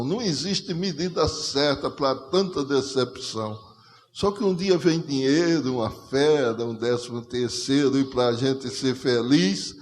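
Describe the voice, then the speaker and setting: A man with a Potiguar accent from Northeastern Brazil declaims rhymed verse in a steady, rhythmic cadence, doubling back on his own lines. His voice sits at an average pitch for a man. It rings out with the long reverb of a cultural center's auditorium. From Rio Grande do Norte, Brazil. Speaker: poet, guest of a conversation circle. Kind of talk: declaimed rhymed poetry recitation.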